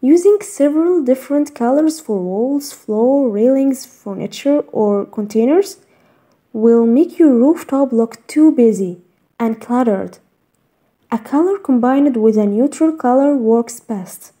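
A woman reading a scripted voice-over in a measured, even list-reading way, narrating step-by-step tips. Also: high voice. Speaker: narrator of a garden design slideshow.

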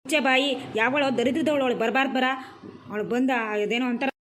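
Voicing a furious homeowner in an animated comedy, a woman scolds and yells curses at the people next door. She speaks high and quick with light acting, over a faint hiss or hum.

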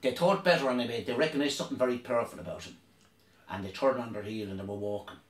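A man telling a mock-serious tall tale in a comedy sketch, earnest and deadpan. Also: mid-range voice, fast talker, echoey room, far from the mic. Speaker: comedic tour guide playing a priest.

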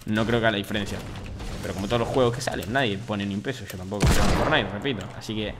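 A young Argentine man chats through a live game stream at his desk mic, reading viewer messages and bursting into loud excited shouts. Faint room noise and keyboard typing sit behind his voice. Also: lowish voice, very fast. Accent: Argentine Spanish. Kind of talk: casual gaming stream commentary.

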